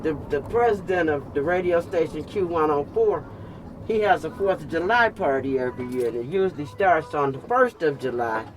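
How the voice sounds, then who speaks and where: An older woman chatting casually and telling stories in an animated, emphatic way, repeating phrases for comic effect. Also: deep voice, moderate pace. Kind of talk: casual storytelling chat. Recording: noisy with clear vehicle and street sound.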